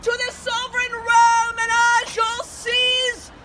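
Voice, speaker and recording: A woman playing a proud, stately queen devoted to her realm, declaiming in slow, formal oratory outdoors before a crowd. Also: very high-pitched, completely flat delivery. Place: outdoors among a crowd near traffic. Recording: outdoor crowd and street noise.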